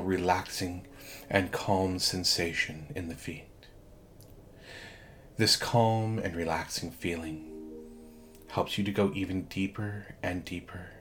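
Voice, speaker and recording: A man guiding a hypnosis relaxation induction in a soothing, measured way, leaving long pauses between phrases. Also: low-pitched, slight background noise. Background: background music.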